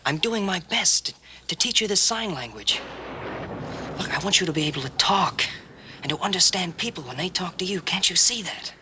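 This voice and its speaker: An actor playing a patient young cowboy who teaches a deaf girl sign language, speaking gently and coaxingly in a 1960s TV western. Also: high-pitched, expressive, a little hiss or hum, exaggerated voice. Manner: gentle, coaxing, repeats words slowly.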